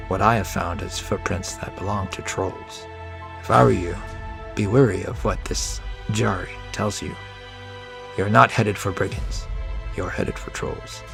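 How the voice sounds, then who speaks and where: A grave ranger of the wilds, played by a man in a tabletop game, speaks in a low, hushed, gravelly voice. He gives warnings quietly and keeps his secrets. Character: stern secretive male ranger, grown man.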